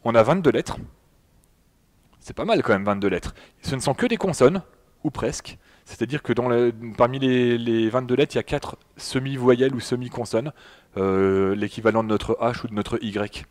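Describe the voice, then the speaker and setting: A man with a French accent gives a public lecture with slides in front of an audience in a hall, talking with many fillers and restarts. His mid-range voice is a little mellow, at a normal speed.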